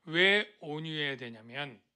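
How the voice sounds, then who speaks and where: Male pastor, middle-aged, slightly high and bright timbre, chatty question-asking sermon delivery. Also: expressive, measured pace, clean tone. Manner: conversational preaching, asks the congregation questions, acts out quoted voices. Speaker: senior pastor.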